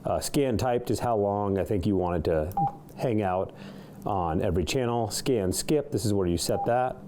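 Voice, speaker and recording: A man with a voice on the low side speaks at normal speed against background noise. He's reviewing a CB radio in an indoor studio, giving an informal, unscripted demo and sounding a touch hesitant with the features.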